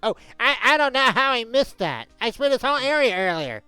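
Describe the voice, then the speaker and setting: A woman reading a composed male prosecutor's lines in a calm, measured voice during a game played with friends. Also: a little high, smooth, no echo, soft background music.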